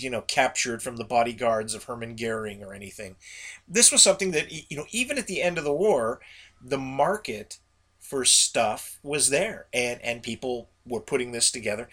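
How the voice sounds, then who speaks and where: A man speaks in a gravelly voice with a bright, hard-edged tone at a medium pitch. He delivers a casual solo podcast monologue in a folksy, rambling way, as a host chatting to regular listeners.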